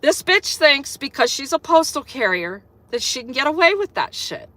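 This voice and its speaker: A woman with a high, sharp, bright voice tells a story in a casual vlog. She swears freely and retells the clash with animated energy. The sound is dry and close, with little room echo. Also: normal speed. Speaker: vlogger.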